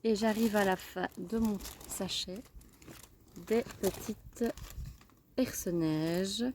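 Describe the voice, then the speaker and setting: A woman's voice: medium pitch, slow, a little mellow, slight background noise. A woman with a Belgian French accent chatting casually about her garden and bulbs, with many fillers and restarts, recorded outdoors. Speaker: gardening vlogger. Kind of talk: casual chat.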